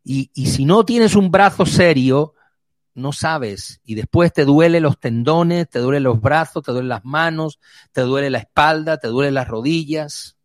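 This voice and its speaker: A man preaching a sermon, vivid, moving between quick runs and slow emphatic words. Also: on the high side, no room sound, clean studio sound.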